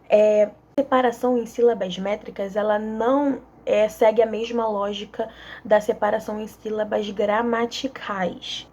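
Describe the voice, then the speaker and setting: A young woman with a Brazilian Portuguese accent, a student volunteer teacher, gives a casual online literature lesson. She sounds hesitant, with many fillers and restarts. Her voice is fairly high and a little mellow, and the sound is lo-fi.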